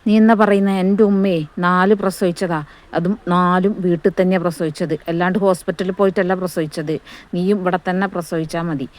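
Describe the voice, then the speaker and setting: A man playing a stubborn husband who keeps insisting in a flat voice. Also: sits high, close to an everyday voice. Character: stubborn husband, dismissive, refuses hospital.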